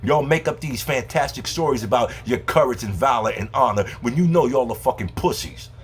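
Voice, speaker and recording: A man's voice: mid-range voice, fairly quick, slightly rough, faint music behind. A man delivering a heated, profane monologue to camera as a video host. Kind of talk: angry ranting monologue.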